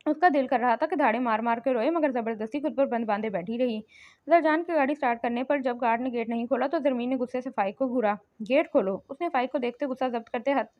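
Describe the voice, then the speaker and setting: A woman narrating a novel in a steady, emphatic storytelling manner, in a slightly muffled lo-fi recording. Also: fairly high pitch, no room sound. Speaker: audiobook narrator.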